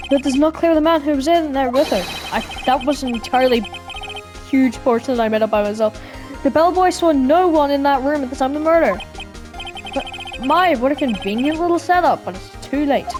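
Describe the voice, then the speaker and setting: A woman's voice: high-pitched, a little mellow. A woman reading every character of a courtroom game herself, joking and stumbling between lines. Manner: jokey, stumbles and laughs at herself, does put-on voices. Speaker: fan dub reader voicing every character. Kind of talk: playful solo game dub with asides.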